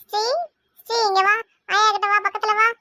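A woman's voice: very high voice, little pitch movement, normal speed, sharp tone, no echo, studio quality. A woman voicing a caring, firm grandmother in a cartoon, reassuring and sometimes scolding, with a Kanyakumari Tamil accent. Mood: soothing. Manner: reassuring, scolding when needed.

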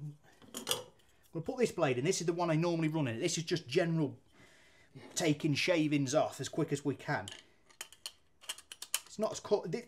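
An English woodworking teacher in his thirties, down-to-earth with a voice a little high for a man, handles and planes wood at a bench in a brick-walled indoor workshop. He chats loosely through the demonstration, dropping mild swears and local slang. There is a little hiss or hum on the recording.

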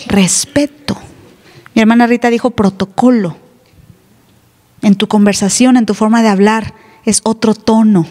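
A woman's voice: a little high, steady tone, a little slow, long pauses, warm tone. A woman pastor, preaching an emphatic, teasing sermon in church. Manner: emphatic, teasing, plays other voices. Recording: live church hall reverb.

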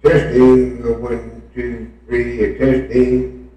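A man who rambles casually and slowly recites a short poem in a sing-song way. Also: mid-range voice, completely flat delivery, dark tone, highs cut off. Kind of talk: casual spoken reflection on a haiku. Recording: echoey distant mic with flute music.

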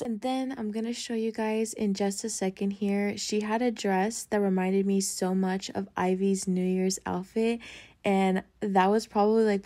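A young woman talks through a shop-with-me voice-over for her doll-collecting channel. She sounds chatty and enthusiastic, dropping casual slang. Her voice sits in a middling pitch. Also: warm tone.

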